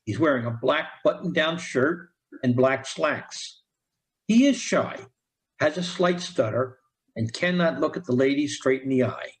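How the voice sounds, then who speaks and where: A man reading the stage directions aloud in an amateur play, with a plain, even delivery. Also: mid-range voice, a little slow, low-quality recording. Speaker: narrator.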